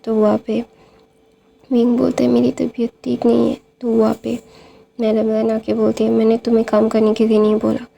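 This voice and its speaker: A woman retells a fan-fiction plot in a loose, chatty way, full of small fillers. Her voice is mellow and gravelly, with a flat, level pitch. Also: normal speed. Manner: loose, with many fillers and "then there" links. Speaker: storyteller.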